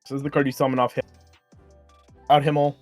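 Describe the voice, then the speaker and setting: Male co-host, quick offhand card reviewer, remote line with dropouts and uneven volume. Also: medium pitch, little pitch movement, faint music behind. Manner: blunt, quick verdicts with casual fillers. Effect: audio cutting out, uneven volume. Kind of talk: casual card game review chat.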